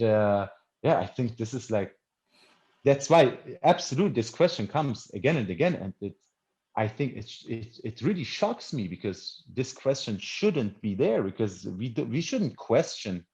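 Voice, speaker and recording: Dull, lo-fi audio captures a festival Q&A with a film director, Iranian by birth yet more German than Iranian, whose first language isn't English. He answers with earnest emphasis, halting and repeating the starts of words, in a lowish, darkish voice.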